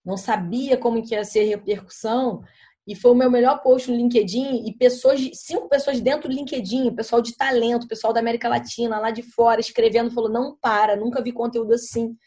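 High-pitched woman chatting on a podcast, animated and swears a bit. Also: brisk. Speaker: podcast guest, content creator. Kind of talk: casual chat.

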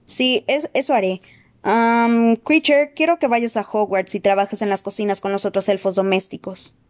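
A woman's voice: medium pitch, steady tone, moderate pace, natural voice. A woman voicing a teenage boy wizard in an audiobook, giving short, emphatic answers. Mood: blunt. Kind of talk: audiobook character voice.

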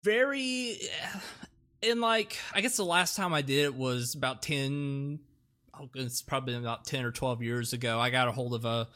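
A man's voice: mid-range voice, normal speed, sharp tone. A young man hosting a casual podcast, rambling with lots of fillers and laughing often. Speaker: podcast host. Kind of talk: casual chat.

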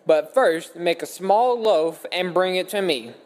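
Sitting high and speaking at a measured pace, a scripture reader performs a Bible story aloud from a script as dramatic narration. Long reverb from an echoey hall surrounds his voice.

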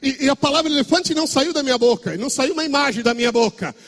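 A man preaching a sermon as pastor with a Brazilian Portuguese accent, swinging between shouts and a sing-song preaching cadence. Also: extremely high pitch, fast. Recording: long hall reverb.

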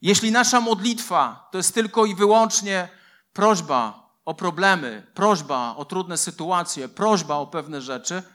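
A man's voice: high voice, animated, unhurried, a bit bright. A man preaching a sermon as a pastor, emphatic and mixing in personal stories.

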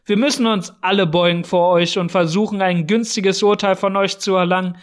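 A man's voice: high voice, steady tone, fairly quick, close to an everyday voice. A man voicing a short, explosive, arrogant older male scientist who blusters and sneers in an audiobook reading. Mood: ranting, scornful. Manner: blustering and contemptuous, bursting into shouting.

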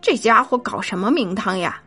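A woman voicing a timid young male golden beetle in a children's audio story, with fearful, excitable cries. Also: mid-range voice, moderate pace, breathy edge, soft background music, pitched below the performer's own voice. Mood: puzzled, worried.

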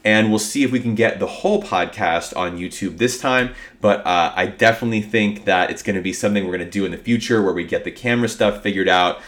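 A man's voice: on the low side, fast, hardly any pauses, a bit bright. A man hosting a podcast solo in a casual, upbeat, conversational way, his voice affected by a cold. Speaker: podcast host.

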